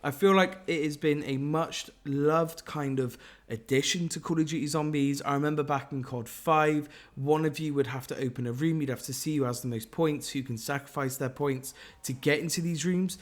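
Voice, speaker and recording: An enthusiastic man talks through game leaks in a voice pitched a little above most men's. He speculates freely and speaks straight to his viewers. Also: fairly even intonation, normal speed. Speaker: gaming YouTuber.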